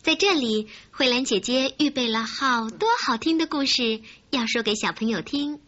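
Bright, high-voiced woman telling children's stories. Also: normal speed. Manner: addresses children directly, expressive, coaxing. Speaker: host of a children's story programme. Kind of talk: storytelling narration for young children. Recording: muffled recording with faint music.

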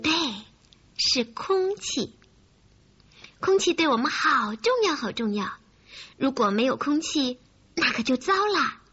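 Woman, children's story host, high voice, expressive and coaxing, muffled recording with faint music behind. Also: moderate pace, breathy edge. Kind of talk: storytelling narration for young children.

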